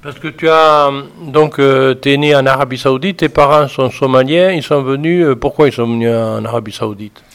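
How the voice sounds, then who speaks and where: A man hosting a radio interview, asking relaxed questions with many hesitations. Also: normal speed, gravelly, hardly any pauses, clean tone. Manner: scripted intro read low, then relaxed questioning with fillers. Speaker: radio host.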